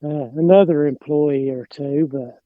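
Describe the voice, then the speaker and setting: A man's voice: fairly high pitch, steady tone, a little slow, no echo, phone-quality sound. A middle-aged man with an Appalachian mountain accent chatting casually, rambling and hesitant, often trailing off. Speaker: podcast guest, lawn care business owner. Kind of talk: casual chat.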